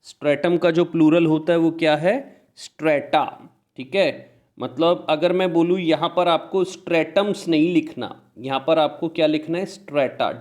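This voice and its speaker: A man with an Indian English accent teaching a grammar lesson, explaining in Hindi, reading example sentences slowly and answering his own questions. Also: fairly high pitch, darkish tone.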